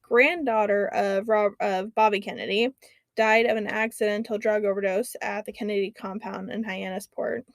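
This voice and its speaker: A woman's voice: mid-range voice, steady tone, gravelly, dry recording. A woman co-hosting a casual podcast, reading dates and facts from her notes with frequent ums. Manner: chatty, fills pauses with "um". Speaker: podcast co-host. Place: lives near an Alaskan lake.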